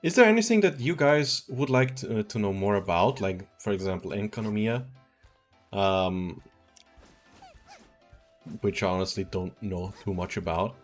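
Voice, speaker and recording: Chill guy in his 20s from switzerland rambling on a game stream, kinda low voice. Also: animated, moderate pace, pauses often, faint music behind. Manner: rambling, laid-back, chuckles often. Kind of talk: casual stream chat. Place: at home.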